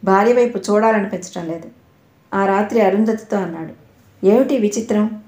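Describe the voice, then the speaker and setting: A woman narrates an audio novel with steady, dramatic storytelling. Her voice is of middle pitch and rings in a roomy, echoing space. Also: a little fast.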